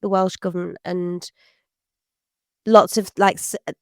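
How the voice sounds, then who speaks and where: A woman hosting a podcast, asking questions in a casual, friendly way with brief warm interjections. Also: fairly low pitch, flat delivery, a little slow, no echo, clean studio sound. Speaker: podcast host.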